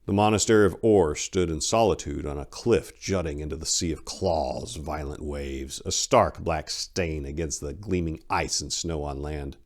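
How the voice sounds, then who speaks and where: A deep-voiced man serves as host and narrator, giving scripted, deliberate, theatrical delivery suited to dramatic story readings.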